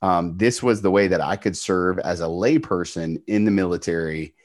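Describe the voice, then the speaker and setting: A middle-aged man, a podcast guest, telling his faith story in an earnest, animated way with emphatic bursts. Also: sits low, normal speed. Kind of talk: storytelling testimony.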